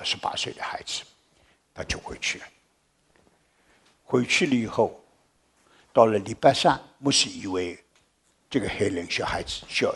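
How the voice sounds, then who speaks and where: A man preaching a sermon and telling a story to his congregation, jumping from loud exclamations to hushed whispers and mixing English words into his preaching. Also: lowish voice. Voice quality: very husky.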